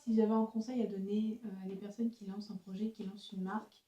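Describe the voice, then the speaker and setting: A young woman chats to her camera in a relaxed vlog. Her voice sits in an ordinary middle pitch for a woman. She rambles cheerfully, trailing off and restarting with easy, upbeat energy. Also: fast talker, slightly rough, highs cut off. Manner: chatty and upbeat, many fillers, laughs at herself. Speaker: vlogger and graphic designer. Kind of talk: casual vlog chat.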